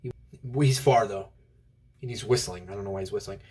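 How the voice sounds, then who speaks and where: A young man telling offbeat, absurd stories in a rambling deadpan comedy monologue. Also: fairly low pitch, a little fast, breathy edge.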